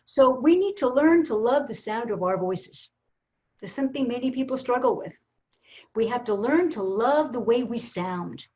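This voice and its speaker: A woman's voice: fairly high pitch, moderate pace, slight background noise. A woman coaching on public speaking in a virtual workshop, talking emphatically with frequent restarts. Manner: lively, emphatic, with repeated restarts. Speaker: communication coach. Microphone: laptop mic on a video call. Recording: slightly dull video-call audio.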